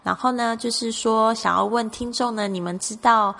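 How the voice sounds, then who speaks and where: Gravelly Taiwanese-accented woman teacher. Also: fairly high pitch, fairly even intonation, moderate pace, bright, forceful tone, in a large hall. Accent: Taiwanese Mandarin. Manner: patient, spells words letter by letter. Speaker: English teacher host. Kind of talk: explanatory lesson narration.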